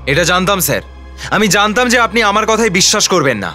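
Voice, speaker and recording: Bossy site foreman, high voice, quick urgent delivery, TV crime drama, music underneath. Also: very animated, sharp tone, heavily acted. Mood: firm, aggrieved.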